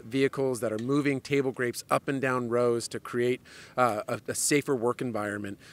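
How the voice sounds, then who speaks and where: A man, a trade association president giving measured interview answers outdoors into a handheld mic, with frequent fillers. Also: mid-range voice, fairly bright tone, a little hiss or hum. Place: outdoors on a lawn. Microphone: handheld mic held by interviewer.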